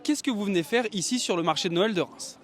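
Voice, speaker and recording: A man working as a street reporter, asking passers-by friendly, clear questions. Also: sits high, expressive, fast. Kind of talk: vox-pop interviewing.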